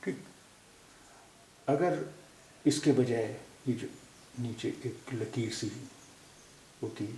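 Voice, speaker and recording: A man teaching a language lesson, repeating each word slowly to show how it is pronounced. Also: mid-range voice, darkish tone. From India. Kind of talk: slow explanatory lesson. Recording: echoey room with faint hiss.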